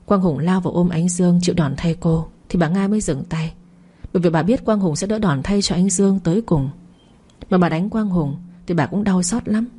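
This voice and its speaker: A woman narrating a family drama story in a steady, dramatic manner. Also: fairly low pitch, brisk, breathy edge.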